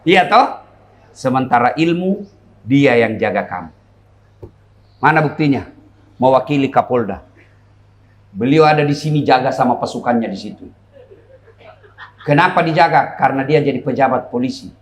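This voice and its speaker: A middle-aged man from Indonesia, preaching a humorous sermon before a crowd, acting out characters and shouting punchlines. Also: medium pitch, lively intonation, normal speed, long pauses. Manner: jokey, plays characters and shouts for laughs. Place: large event before a crowd.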